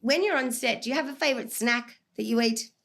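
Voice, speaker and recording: A woman's voice: a little high, a little fast, gravelly, a bit bright. A woman hosting a casual chat, laughing a lot and telling her own stories. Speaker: host.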